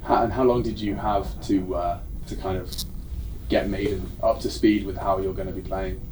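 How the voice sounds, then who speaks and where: A man's voice: sits low, fairly even intonation, normal speed, a little mellow. Joking man interviewing from a distance. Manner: chummy and joking. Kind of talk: casual interview. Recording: distant mic, noisy background.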